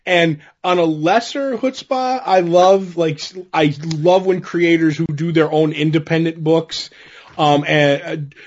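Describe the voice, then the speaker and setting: A man's voice: fairly high pitch, steady tone, slow pace, highs cut off. A man co-hosting a comic book podcast, chatting casually with a wry, joking manner. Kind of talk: casual chat about comics.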